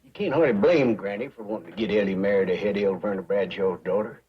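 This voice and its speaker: A man playing a blunt, deadpan young hillbilly relative with a drawl, in 1960s sitcom style. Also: fairly low pitch, quick pace, close to an everyday voice. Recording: dull TV audio with faint music.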